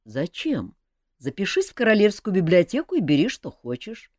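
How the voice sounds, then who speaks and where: A dry, understated king, tired of court life and quietly amused, as a woman reader puts him on. The voice swings widely in pitch, and the recording is close and completely dry, with no room sound. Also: huge pitch swings, moderate pace, no echo. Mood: wry. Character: wry, weary middle-aged male king. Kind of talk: audiobook character voice.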